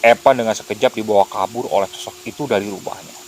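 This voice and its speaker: Male horror narrator, low voice, quiet deliberate delivery, faint background hiss. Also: steady tone. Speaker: storyteller.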